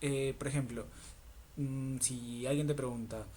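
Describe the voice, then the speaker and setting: A man's voice: medium pitch, steady tone, darkish tone, slight background noise. A man teaching an online language lesson, patient and repetitive, often checking in with the listener. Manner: patient, repeats words slowly, asks ¿ok? often.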